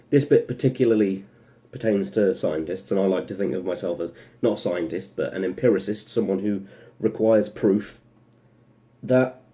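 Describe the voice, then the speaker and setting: A man's voice: mid-range voice, warm tone. A young man giving a casual opinion monologue as a vlogger, rambling and sarcastic, breaking off into asides. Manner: rambling, sarcastic, full of self-interrupting asides.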